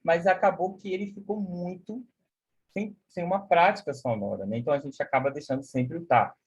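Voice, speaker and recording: A man's voice: on the high side, a little fast, slightly rough. A man giving a live online music lesson, explaining concepts with many "né?" and singing solfège syllables. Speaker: music teacher. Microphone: video call.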